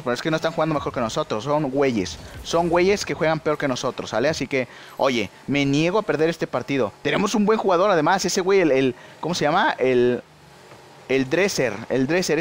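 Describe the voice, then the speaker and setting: A young man with a Mexican accent giving excitable, slangy live commentary on his own gameplay and shouting at big plays. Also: a little high, a little hiss or hum. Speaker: gaming YouTuber.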